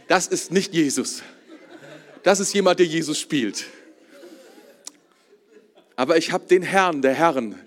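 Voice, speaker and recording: Lively high-voiced male preacher. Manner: lively, enthusiastic, colloquial, repeats words. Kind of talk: casual sermon.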